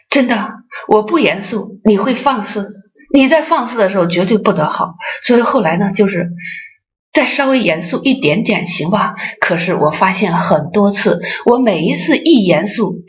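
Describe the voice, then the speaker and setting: A middle-aged woman giving a Buddhist dharma talk as an association president. She tells stories, acts out the voices she quotes and speaks straight to her listeners. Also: medium pitch. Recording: dull lo-fi recording.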